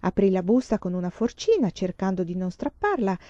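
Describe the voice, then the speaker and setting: A woman reading a children's novel aloud, in a measured, steady narration. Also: medium pitch, no echo. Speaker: reader. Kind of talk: audiobook narration. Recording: dull lo-fi recording.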